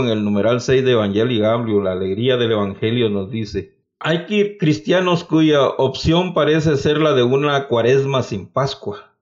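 A man's voice: mid-range voice, a little mellow, muffled recording. Fervent male preacher exhorting his listeners.

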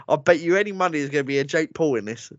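A man's voice: on the high side, dry recording. A man hosting a casual gaming podcast, blunt and dismissive, laughing now and then. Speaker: podcast host. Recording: dull, slightly lo-fi, dry sound.

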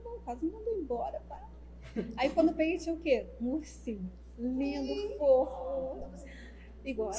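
A young woman casually telling the story of her relationship as a guest, animated and acting out the dialogue. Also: high-pitched, a little slow, a crowd in the background, rough recording. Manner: animated, acts out the dialogue, many fillers like "né". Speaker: guest telling how she met her partner.

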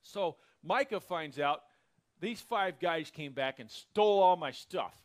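A man teaching the Bible verse by verse, reading scripture aloud and then retelling it in casual modern slang, acting out the characters' lines with sudden loud bursts. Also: fairly high pitch, expressive, unhurried.

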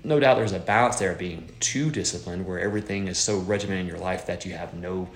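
A man in his thirties hosts a casual podcast, his voice sitting very low and his words coming quickly. He rambles, restarts sentences and leans on fillers, and the room around him rings with echo. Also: a little hiss or hum. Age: 30s. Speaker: podcast host.

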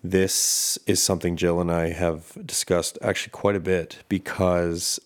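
Candid, deep-voiced man podcasting solo. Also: little pitch movement, unhurried. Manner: candid, rambling, swears often. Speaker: podcast host. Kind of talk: casual solo podcast monologue.

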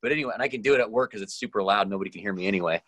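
A man's voice: lowish voice, rapid-fire, a bit bright, no echo. A man co-hosting a casual podcast, talking in loose, rambling stretches. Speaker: podcast co-host. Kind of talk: casual chat.

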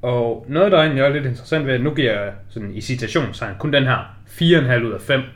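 A man with a Danish accent, co-hosting a podcast in casual, conversational film chat. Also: medium pitch. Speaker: podcast co-host.

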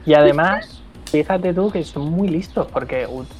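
Spanish guy thinking out loud about games, lots of fillers, faint music behind. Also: on the high side, moderate pace. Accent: Spain Spanish. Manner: thoughtful, explains at length with many fillers. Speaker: podcast co-host. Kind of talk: casual chat about video games.

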